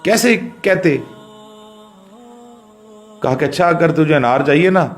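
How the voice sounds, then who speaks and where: Pakistani man preaching in a high voice. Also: soft background music. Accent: Pakistani Urdu. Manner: narrates a religious story, shifting between low murmurs and raised emphatic lines; addresses listeners directly. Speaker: pir preaching a religious sermon. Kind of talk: sermon storytelling.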